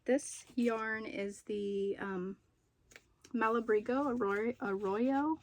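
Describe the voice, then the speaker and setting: A woman's voice: medium pitch, gravelly. A woman chatting casually in a home video as she shows off her craft projects. She rambles a little and stops to remember details. She sounds slightly out of breath after being ill. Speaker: crochet and knitting vlogger. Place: room at home with poor lighting.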